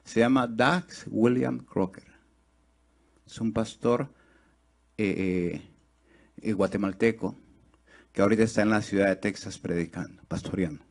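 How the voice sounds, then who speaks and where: Preaching to his congregation in church, a man alternates between quick, high, loud exhortation and slow, quiet confiding. He frequently poses rhetorical questions to the people, and his voice has vocal fry.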